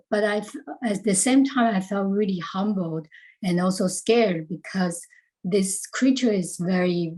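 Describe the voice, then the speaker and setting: Husky woman from Taiwan, halting. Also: mid-range voice, a little mellow, low-quality recording. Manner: halting, many fillers and restarts. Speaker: panelist artist. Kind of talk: panel discussion.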